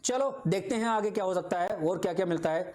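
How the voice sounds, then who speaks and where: Speaking fast in a high-sitting, somewhat mellow voice, a man runs an exam-prep video class. He patiently walks through simple examples, goes over points again, and regularly checks on his students.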